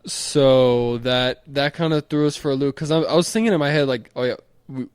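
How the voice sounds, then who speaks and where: A young man co-hosts a podcast, his smooth, medium-pitched voice captured in clean studio sound with no echo. He rambles in an easygoing way through casual chat, often stopping and restarting.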